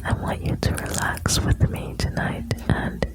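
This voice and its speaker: A woman whispering close to the ear in an intimate, soothing ASMR style, reading out short lines and chatting softly to the listener. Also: a little slow. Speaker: ASMR host reading quotes.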